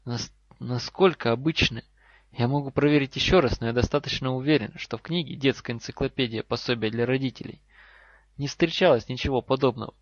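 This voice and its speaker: Мужчина озвучивает умного упрямого мальчика-волшебника, говорит напряжённо и настойчиво; запись сухая, немного глуховатая. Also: male voice, medium pitch, brisk, dry recording, lightly acted. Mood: insistent. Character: clever defiant schoolboy wizard. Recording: slightly dull lo-fi recording.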